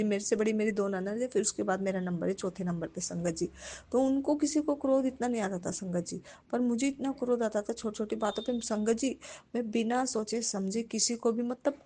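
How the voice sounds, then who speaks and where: A woman's voice: fairly high pitch, dark tone. A woman sharing a devotional testimony, addressing the congregation respectfully in nearly every sentence.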